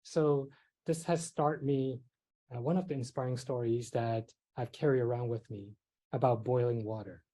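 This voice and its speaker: A man's voice: mid-range voice, fairly even intonation, normal speed, warm tone. A middle-aged man from Hong Kong giving a psychiatry lecture, telling personal stories in a conversational way with many fillers and light self-deprecating laughs. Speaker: psychiatry professor. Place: lecture hall.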